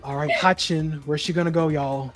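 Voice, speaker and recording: A man's voice: a little high, steady tone, normal speed, over music. A man hosting a casual group chat, upbeat and playful, laughing often as he moves things along. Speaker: host.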